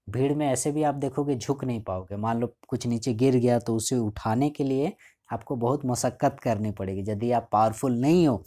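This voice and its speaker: A man with a warm, mellow, medium-pitched voice teaches a school chapter line by line. He reads each English line slowly, explains it casually, and keeps checking in with his students through frequent fillers.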